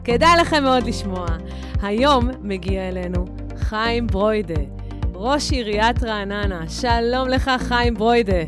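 A woman's voice: a little high, lively intonation, music in the background. A woman hosting a business podcast, welcoming a guest in an upbeat way. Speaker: podcast host. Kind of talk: podcast host introduction.

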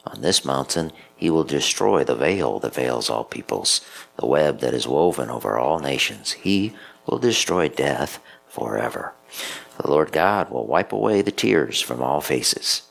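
A man, a pastor, reading scripture and a story in a measured, solemn homily. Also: very deep voice, vocal fry.

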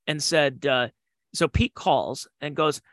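A man's voice: on the high side, slow, fairly bright tone, dry recording. Rambling male podcast storyteller. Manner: rambling, digressive, with slangy asides. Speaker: podcast host and comedian. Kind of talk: casual storytelling.

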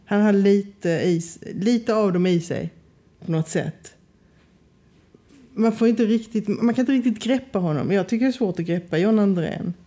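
A woman's voice: medium pitch, mellow. A woman in casual conversation, thoughtful and hesitant, repeating words as she searches.

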